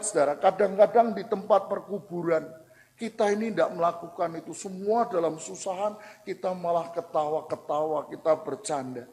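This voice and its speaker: An older Indonesian pastor preaching a sermon in a church, lively and acting out gossiping churchgoers in mocking asides. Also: male voice, sits high. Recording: old cassette tape recording in a reverberant church.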